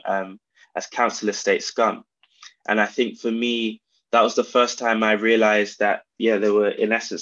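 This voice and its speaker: A man with a South London accent speaks as an interview guest, pausing and restarting as he reflects. His voice sits on the low side and stays quite level in pitch. The sound is a little dull and lo-fi. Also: a bit bright. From South London, England. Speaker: interview guest, brand founder. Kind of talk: reflective conversational interview answers.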